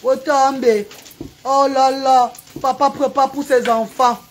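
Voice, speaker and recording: A woman's voice: high voice, little pitch movement, slow pace. A woman hosting a casual live stream at a charity event, chatty and calling out praise and instructions.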